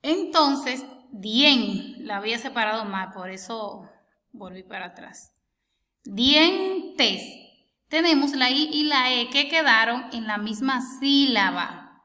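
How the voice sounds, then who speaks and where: Woman teacher walking thru homework, highish bright voice, lots of reverb, slows way down to sound out words. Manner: patient, slows and stretches words when sounding them out; asks the listener rhetorical questions. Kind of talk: explaining homework lesson.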